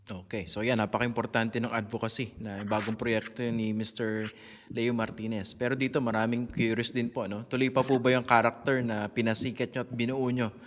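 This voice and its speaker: A man hosts an interview, his questions courteous and respectful, with English phrases mixed in. His voice sits at a middle pitch, and a long reverb trails behind it. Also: level tone, moderate pace. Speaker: interviewer and host.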